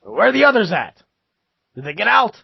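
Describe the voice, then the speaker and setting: A man's voice: high voice, very animated, brisk, gravelly, breathy edge, dry recording, voice pushed up, heavily acted. A man voicing confused, angry male guards who speak brusquely and swear, recorded on dull, dry lo-fi sound. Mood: suspicious.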